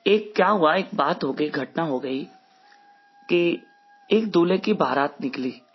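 A man's voice: on the high side, animated, a little slow, husky. A man narrating a devotional story in a folksy, repetitive storytelling manner. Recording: muffled recording with faint music.

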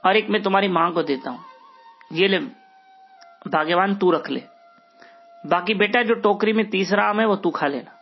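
A man voicing a shrewd, wise village father in a told story, with a husky voice. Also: high-pitched, moderate pace, pauses often, lo-fi sound, faint music behind. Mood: wry.

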